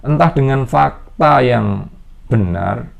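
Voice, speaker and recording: A man's voice: mid-range voice, expressive, slow, creaky. A man who teaches investing, explaining in a casual, conversational way with many fillers. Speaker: investment educator.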